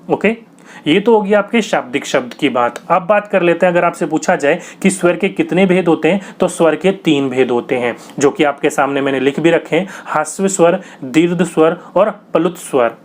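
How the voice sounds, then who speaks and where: A young man pitched fairly high runs a grammar lesson for exam prep. He patiently and repetitively poses questions, then answers them himself.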